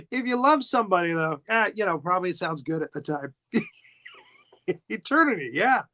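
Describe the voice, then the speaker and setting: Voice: mid-range voice, sing-song, moderate pace, bright, forceful tone. A podcast host giving a casual movie recap, chatty and giggly, full of asides.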